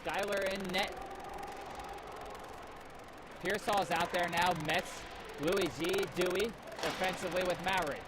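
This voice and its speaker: A man calling a youth hockey game play-by-play on a lavalier mic, casual between plays and excited on chances. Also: high-pitched, normal speed, background noise. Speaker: play-by-play commentator. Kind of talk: amateur hockey commentary.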